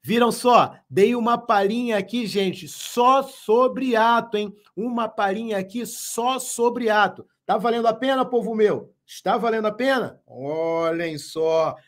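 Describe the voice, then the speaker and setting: Slow, emphatic male teacher. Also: extremely high pitch. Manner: slow and emphatic, repeats key words, asks viewers questions. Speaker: Portuguese teacher. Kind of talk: live online grammar lesson.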